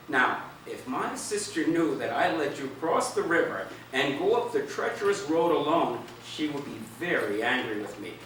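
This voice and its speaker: A man voicing a charming, confident young gentleman who speaks in a smooth, courteous, persuasive way. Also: mid-range voice, slight background noise. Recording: echoey room from far off.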